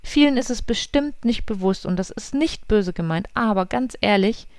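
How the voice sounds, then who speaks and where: A woman's voice: medium pitch, moderate pace, clean tone, no room sound, studio quality. A woman vlogging outdoors in a forest, casually telling her viewers a personal story and acting out the lines people said. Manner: lively retelling that acts out quoted dialogue.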